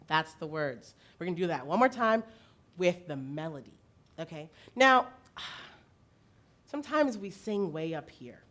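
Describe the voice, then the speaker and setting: A woman's voice: fairly low pitch, lively intonation, fairly bright tone. A woman leading a congregation in learning a song, playful and encouraging, her voice a bit worn from being recently lost. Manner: playful, encouraging, slow and deliberate. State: recovering from a lost voice. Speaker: song leader at church service.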